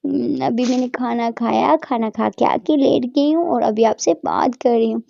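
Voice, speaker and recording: A woman's voice: fairly high pitch, moderate pace, vocal fry, warm tone, dry recording, muffled recording. A woman voicing a young student daughter abroad who reassures and explains things to her parents. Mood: explaining. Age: young adult.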